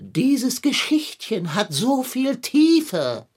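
A pompous, wordy philosopher. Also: female voice, high-pitched, big pitch swings, drawn-out words, a little mellow, husky, exaggerated voice. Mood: lofty. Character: pompous long-winded philosopher, grumpy at heart. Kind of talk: children's radio play acting.

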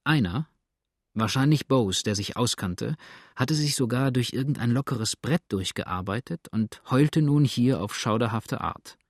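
A man reading a novel aloud in steady, scripted narration. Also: medium pitch, unhurried, no echo, clean studio sound. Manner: steady, even storytelling. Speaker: audiobook narrator.

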